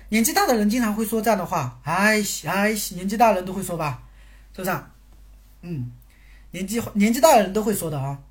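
A woman teaching a language in a casual livestream, chatty and teasing, talking straight to her viewers and laughing often. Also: medium pitch.

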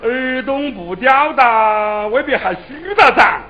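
A performer playing a stern older village elder in Chu opera, with a Hubei accent and slow, dryly teasing scolding. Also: medium pitch, animated, pushed and bright, lo-fi sound. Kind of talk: Chu opera stage acting.

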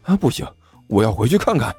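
A man's voice: medium pitch, very animated, brisk, breathy edge, soft background music, full character voice. A man voicing a chubby, cheeky schoolboy who talks in a sly, teasing, sing-song way. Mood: worried.

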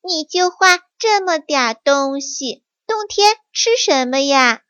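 A woman's voice: sits high, lively intonation, takes it slowly, pushed and bright, no room sound, muffled recording, voice pushed up, full character voice. A woman doing a pouty, boastful little rabbit. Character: perky, bossy little female rabbit.

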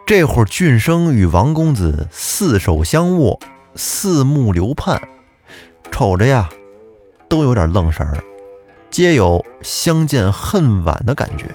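A man's voice: mid-range voice, sing-song, slow pace, darkish tone, soft background music. A man narrating a folk tale as storyteller host, chatty and turning to address his listeners.

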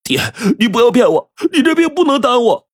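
A man voicing a desperate teenage son who pleads and cries in a strained, shouting voice. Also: fairly low pitch, animated, brisk, breathy edge, no room sound, clean studio sound. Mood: pleading. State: crying.

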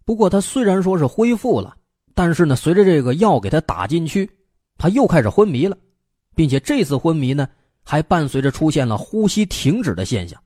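A man's voice: on the high side, sing-song, a little fast, dark tone, dry recording, studio quality. A man hosting a mystery story show, telling it in a chatty, suspense-building way with lots of filler particles. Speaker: storyteller host. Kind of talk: casual spoken storytelling of an unsolved mystery.

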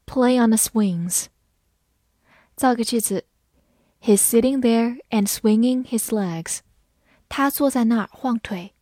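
Slow, clear-spoken woman teacher. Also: on the high side, darkish tone, no echo, clean studio sound. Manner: slow, deliberate spelling and read-aloud of example sentences. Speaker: English vocabulary teacher. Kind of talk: recorded vocabulary lesson.

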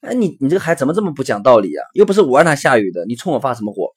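A man doing a fed-up husky dad. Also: mid-range voice, lively intonation, brisk, a little mellow. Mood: exasperated. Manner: lecturing and impatient, then soothing and understanding. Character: irritated father scolding his upset young son.

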